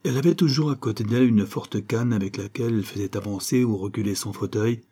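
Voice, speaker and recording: A man reading a novel aloud in a measured storytelling manner as an audiobook narrator. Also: lowish voice, mellow, breathy edge.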